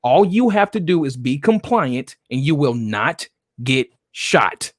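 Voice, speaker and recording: A man with a fairly high voice and a very lively pitch lectures point by point in a heated political discussion. He keeps checking in with his listener and repeatedly punctuates his claims with a pressing "okay?". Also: slow. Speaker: guest commentator.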